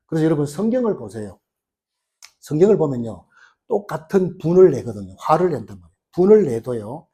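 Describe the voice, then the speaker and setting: A male pastor preaching, his voice set high and swinging widely up and down. He keeps firing rhetorical questions and retelling stories in homely, colloquial words, with a mellow, dark tone underneath. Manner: colloquial storytelling, retelling scenes. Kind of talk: sermon.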